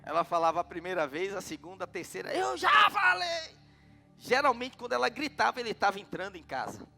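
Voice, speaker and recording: A man's voice: sits high, quick pace, gravelly, sharp tone, big-room sound, soft background music. A middle-aged man with a Brazilian Portuguese accent preaching a sermon, telling stories and asking the congregation questions. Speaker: pastor.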